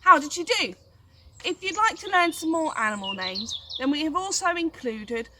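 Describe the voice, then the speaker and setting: A woman's voice: sits high, very animated, normal speed, background noise. A woman presenting a scripted lesson in an encouraging, instructional way. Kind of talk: scripted educational narration.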